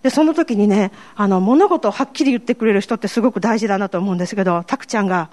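A woman's voice: mid-range voice, racing, a little mellow. Candid Kansai woman giving church testimony. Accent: Kansai Japanese. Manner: candid, self-deprecating storytelling. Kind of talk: personal faith testimony to a congregation.

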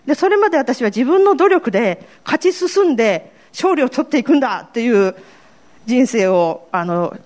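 A woman's voice: fairly high pitch, sing-song, normal speed, darkish tone. Candid Kansai woman giving church testimony. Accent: Kansai Japanese. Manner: candid, self-deprecating storytelling. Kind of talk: personal faith testimony to a congregation.

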